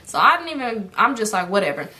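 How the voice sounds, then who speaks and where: A young woman casually telling a storytime, animated and profane, often calling her listeners y'all. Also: medium pitch, fast talker.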